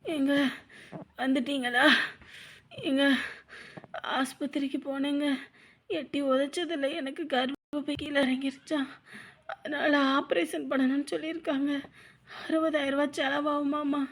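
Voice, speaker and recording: A tearful, ailing wife moans and pleads in a high voice. She keeps crying and begging for help in a family web drama. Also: level tone, measured pace, pauses often. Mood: pleading. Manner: pleading, moaning.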